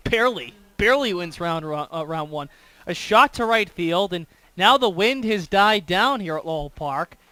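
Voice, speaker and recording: A man's voice: high voice, lively intonation, normal speed, sharp tone, no echo. A man giving live sports commentary as a baseball color commentator and scoreboard reporter.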